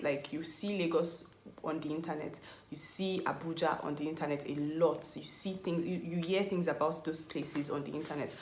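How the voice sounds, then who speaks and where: In an echoey room with a little hiss or hum, a Nigerian woman in her twenties chats casually to camera as a vlogger. Her voice sits on the low side with a darkish tone, and she rambles, corrects herself and often hunts for words.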